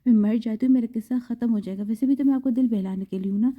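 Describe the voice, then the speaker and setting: A woman's voice: on the high side, natural voice. A woman voicing a frightened young woman in love who pleads in a trembling, tearful way, on a slightly dull recording.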